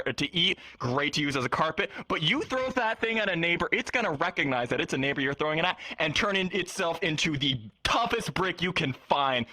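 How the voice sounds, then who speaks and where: A man's voice: sits high, pushed and bright, no echo, poor audio. A man performing an improvised mock infomercial with hyped, theatrical salesman patter.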